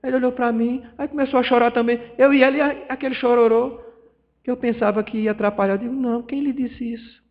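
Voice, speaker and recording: Talking fast with very high, fairly even intonation, this Pernambuco-accented Northeast Brazilian lectures a spiritist study group. He tells stories full of acted dialogue and emotional swells, recorded dull and echoey in the centre's meeting hall.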